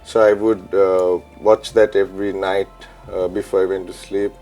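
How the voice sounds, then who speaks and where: A man in his thirties from Sri Lanka, speaking in a low, mellow voice with no edge to it. He answers questions in a relaxed, thoughtful way, pausing often with ums and uhs. Faint music runs under his lapel-mic audio from a studio set. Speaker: chef and DJ, interview guest. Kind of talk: casual interview answers. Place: studio set with pink backdrop.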